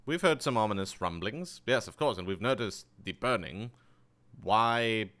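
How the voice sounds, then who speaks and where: A man's voice: fairly low pitch, animated, measured pace, a bit bright. A man voicing a skeptical male city official who treats doomsayers with dry, teasing doubt.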